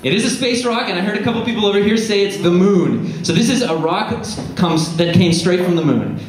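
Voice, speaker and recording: Male presenter, informal jokey stage talk, slightly high voice, halting delivery, very echoey theatre. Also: animated. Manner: self-deprecating, jokey, halting. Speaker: science centre presenter. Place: theatre stage before an audience. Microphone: handheld microphone. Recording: echoey theatre PA with audience noise.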